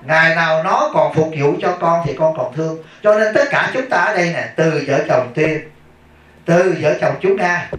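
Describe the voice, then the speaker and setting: A man's voice: on the high side, normal speed, fairly bright tone. A man giving a chatty dharma talk as a monk. He tells stories, laughs often and keeps asking the audience questions. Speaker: Buddhist monk teacher. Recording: echoey room, mic far off.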